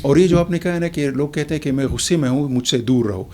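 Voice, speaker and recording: A man, a guest on a talk program, explaining calmly in a measured, lecturing way with everyday examples. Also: a little high, slight background noise. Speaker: expert guest. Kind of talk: explanatory talk show answer.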